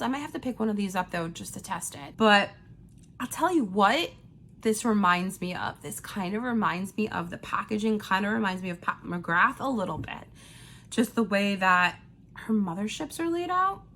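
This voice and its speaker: A woman with a sick-sounding voice runs a casual makeup review as a beauty vlogger, chatty and lively in her delivery. Her voice sits a little high, and she keeps up a friendly running commentary on new products.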